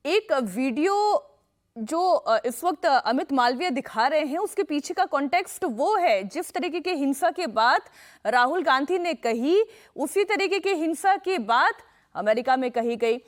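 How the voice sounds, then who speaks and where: A woman's voice: sits high, animated, unhurried. A woman news anchor moderating a TV debate, asking pointed, probing questions.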